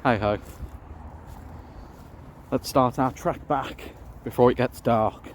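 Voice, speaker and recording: A man's voice: medium pitch, takes it slowly, noisy background. A man walking outdoors, talking casually to his viewers with wry asides, and short of breath. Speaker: vlogger. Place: outdoors in open fields.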